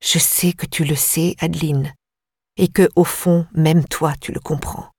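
A woman voicing a disturbed young woman, eerily calm and obsessive, in a slow, low murmur for an audiobook. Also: slightly rough, no echo, studio quality, exaggerated voice. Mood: eerie calm.

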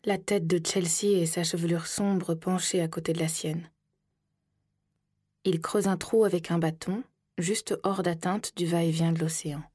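A woman narrating an audiobook in the first person, soft and measured, often slipping into whispers. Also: fairly low pitch, fairly even intonation, slightly rough, dry recording, studio quality.

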